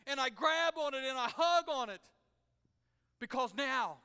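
A male pastor preaching a sermon, folksy and conversational, building to shouts. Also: very high voice, animated, measured pace, smooth. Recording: long hall reverb.

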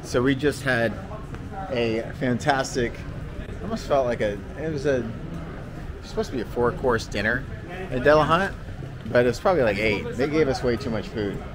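A man speaks casually and chattily, using slang, as a travel vlogger wandering city streets and pubs with a handheld camera. His voice sits at medium pitch with a moderate pace and long pauses. Street crowds and music can be heard behind him.

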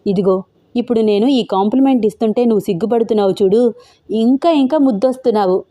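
A woman's voice: on the high side, quick pace, dark tone, natural voice. A woman voicing a bold, playful young woman who teases her friend in an audio story. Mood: teasing. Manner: teasing, cheerful.

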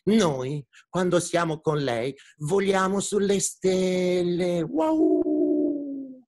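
A man's voice: sits high, lively intonation, very slow, darkish tone, exaggerated voice. A man doing an eager, chatty storybook dog. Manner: breaks in with barks, eager to finally talk. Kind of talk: storytelling performance for children.

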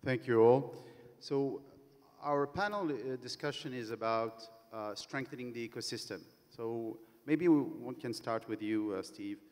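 A man's voice: mid-range voice, a little slow, darkish tone. A man moderating a conference panel, with many hesitations and fillers, on a handheld mic in a large conference hall. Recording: long hall reverb.

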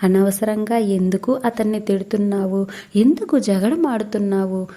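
A woman voicing a calm old male saint who gently scolds a quarrelsome devotee in slow, measured words. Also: medium pitch, close to an everyday voice. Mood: calm rebuke.

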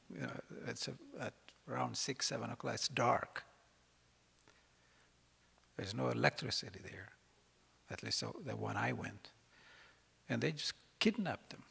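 A keynote speaker gives a lecture from a podium mic in a large college concert hall, and the recording carries long hall reverb. His voice is gravelly, husky, medium-pitched, pushed and bright, and he speaks earnestly but haltingly, restarting often.

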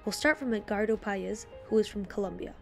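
A woman's voice: mid-range voice, fairly quick, vocal fry, soft background music. A young woman narrating and introducing interviewees in a student documentary. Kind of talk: scripted narration.

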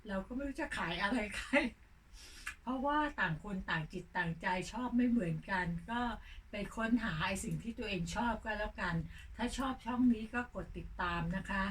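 An older woman hosting her own channel, chatting casually and slowly, her voice hoarse. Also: mid-range voice, a bit bright. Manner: slow, unhurried talk. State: hoarse, coughing. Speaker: channel host. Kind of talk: casual vlog chat. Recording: distant mic with faint noise.

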